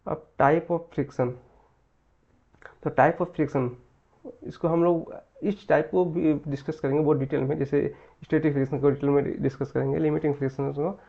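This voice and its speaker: A man teaching a physics lesson in mixed Hindi and English, repeating key phrases slowly and answering his own questions. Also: a little high, little pitch movement, creaky, dull audio. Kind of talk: Hindi-English mixed exam-prep lecture.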